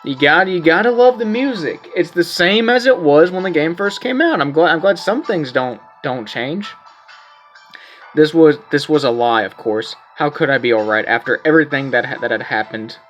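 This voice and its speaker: A man's voice: fairly high pitch, lively intonation, moderate pace, fairly bright tone, lo-fi sound, faint music behind. A man playing a story game, reading its text aloud in a casual way, often repeating words, and chatting between the lines. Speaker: gameplay streamer.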